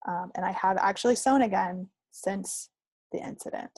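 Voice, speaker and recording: A woman with a medium-pitched, darkish voice speaks at a normal speed as she co-hosts a podcast about knitting and crafts. The chat is friendly, casual, and unscripted, captured in a dry recording.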